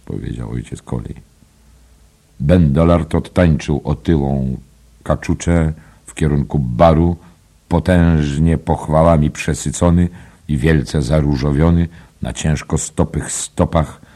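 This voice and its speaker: A man reading literary prose aloud as an audiobook narrator, slow and measured, moving between hushed and raised tones. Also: very deep voice, slightly rough.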